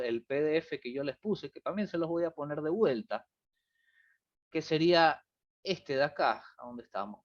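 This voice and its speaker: A man teaching a programming class over a video call, his pitch rising and falling a lot as he talks. The audio is muffled and lo-fi. He explains patiently and keeps checking that students follow. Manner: explanatory, repeats "fíjense" and "¿bien?". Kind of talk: online review class.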